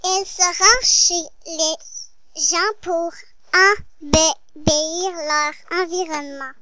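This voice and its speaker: A child presenting a school radio show, reading a joke and a riddle poem slowly and carefully. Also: female voice, very high voice, steady tone, sharp tone. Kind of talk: reading jokes and riddles aloud.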